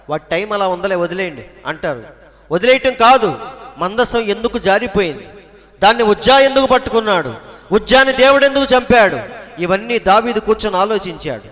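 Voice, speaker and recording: A man preaching a sermon, often asking the congregation questions and checking that they are listening. When he reads scripture he slows down and lets his voice drop low at the end of each phrase. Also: a bit bright. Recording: long hall reverb.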